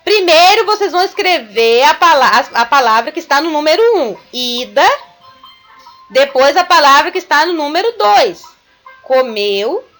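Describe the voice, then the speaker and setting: A woman teaching a recorded class to young children, explaining slowly and patiently step by step. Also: sits high, expressive, a bit bright, soft background music. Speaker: primary school teacher. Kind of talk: recorded remote class lesson.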